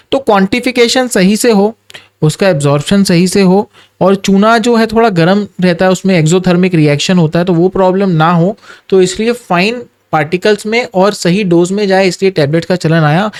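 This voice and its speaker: An orthopedic surgeon speaks in a measured, advising way, with a voice set a little high for a man. He drops into his explanations as an interview guest. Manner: measured, advising, mixes English phrases.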